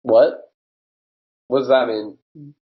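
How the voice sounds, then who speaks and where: A young man co-hosting a podcast, excitable and quick to laugh, often stammering. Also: medium pitch, narrow, tinny audio. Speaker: podcast co-host. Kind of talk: casual chat.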